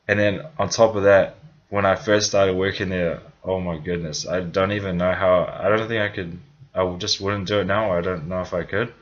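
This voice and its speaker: A young vlogger from New Zealand, speaking with a New Zealand accent, tells a personal story in a rambling, casual way, full of fillers and restarts. His voice is low and a bit bright, and the audio sounds dull.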